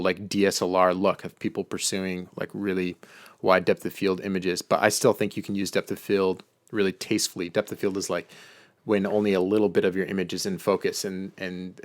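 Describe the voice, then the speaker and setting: Low, flat-voiced man chatting casually. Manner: loose and chatty, full of "um" and "like"; answers viewer questions read from chat. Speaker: filmmaker hosting a live Q&A. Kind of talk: casual live-stream Q&A.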